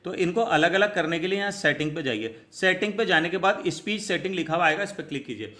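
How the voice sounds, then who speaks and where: Tutorial host, male, bright forceful voice, slightly high, patient click-by-click instructions. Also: animated, fast. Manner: step-by-step instructions, addresses viewers as friends. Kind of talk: screen tutorial walkthrough.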